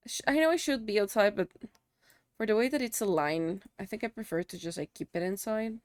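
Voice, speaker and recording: Speaking a little fast in a medium pitch, this young Spanish-first-language streamer talks casually with her live audience while she works. She thanks viewers and mutters to herself, and the recording is dry.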